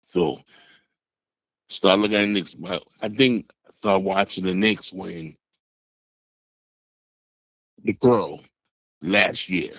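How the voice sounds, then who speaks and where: A man in his sixties calling in over the phone, telling a rambling, halting story from years past. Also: deep voice, a bit bright, no room sound. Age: 60s. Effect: heard over a phone line. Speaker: caller. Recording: muffled phone line.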